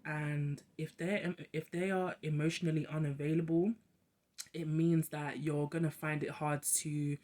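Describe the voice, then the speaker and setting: Young adult host, casual monologue; quick and talkative, restarts often. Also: medium pitch, flat delivery, darkish tone.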